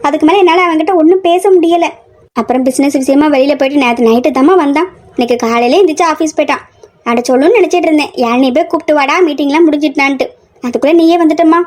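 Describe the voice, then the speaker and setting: A woman voicing a kindly middle-aged aunt in a fan audio drama, reassuring and gently pleading. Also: sits high, very fast, close to an everyday voice.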